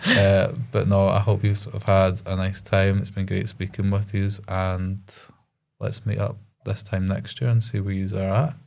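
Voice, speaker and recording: A man's voice: low voice, flat delivery, normal speed, creaky, a little mellow. A man hosting a podcast, chatting casually and asking laid-back questions. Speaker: podcast host. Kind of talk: casual chat.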